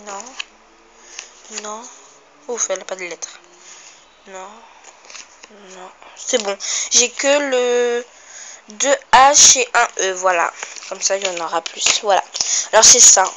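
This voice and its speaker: A woman's voice: medium pitch, slow, pauses often. A female vlogger in a casual show-and-tell home video who chats to viewers, mutters to herself while counting and often corrects herself. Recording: noisy home recording.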